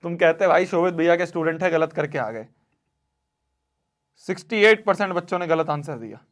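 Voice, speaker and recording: A young man with a high voice runs a live online math class. He speaks, repeats his points, and alternates between scolding the students and pleading with them. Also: brisk. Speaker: math teacher.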